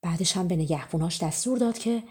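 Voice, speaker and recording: Expressive woman narrating a fairy tale. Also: fairly low pitch, breathy edge. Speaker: audiobook narrator. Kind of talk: storybook narration.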